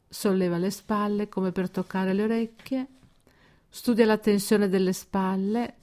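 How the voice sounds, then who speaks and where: A woman speaking at medium pitch leads listeners through a progressive muscle relaxation script, calmly and steadily, with pauses placed deliberately.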